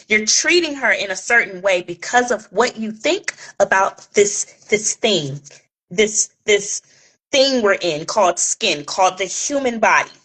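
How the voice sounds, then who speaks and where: A woman's voice: mid-range voice, pushed and bright, husky, poor audio. A woman vlogger speaking straight to her viewers in an impassioned, emphatic way, repeating phrases for effect. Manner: talks straight to viewers, calling them "y'all". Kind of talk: direct-to-camera commentary.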